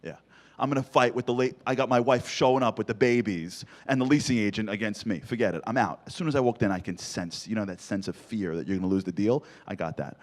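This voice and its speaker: A man's voice: lowish voice, quick pace, hardly any pauses. A man giving a comic, storytelling motivational speech, punchy and full of rhetorical questions. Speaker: motivational speaker.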